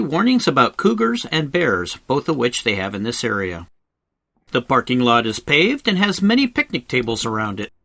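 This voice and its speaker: Animated male travel narrator with a bright voice. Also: medium pitch, no room sound. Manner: conversational, wry asides, explanatory. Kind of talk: scripted voice-over narration, informal tour guide. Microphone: close voice-over microphone, recorded separately from the cave.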